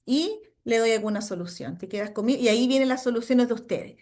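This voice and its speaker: Chilean lady psychologist running a training class, kinda high voice, keeps asking "cierto?". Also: fast, darkish tone. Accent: Chilean Spanish. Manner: explains with examples, acts out what she says to children; checks in often with "cierto?". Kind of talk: online training lecture.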